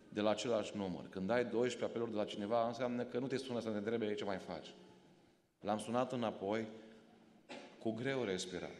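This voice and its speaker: A man from Romania preaching a sermon, his mid-pitched voice swelling into emphatic calls to the congregation. The sound carries the long reverb of a church hall. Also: darkish tone. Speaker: pastor.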